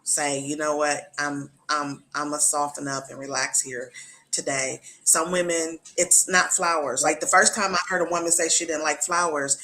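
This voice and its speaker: A middle-aged woman hosts a casual talk show in a deep, fairly even voice at normal speed, her tone pushed and bright. She is earnest and repetitive, often checking in with "you know what I'm saying." The audio is poor, with slight background noise.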